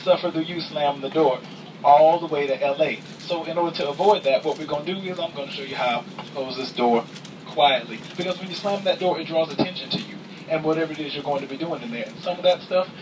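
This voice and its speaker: A man working as a flight attendant gives a comedic cabin announcement with playful, mock-stern deadpan sass and emphatic repetition. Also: a little high. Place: aircraft cabin. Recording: distant, noisy aircraft cabin capture.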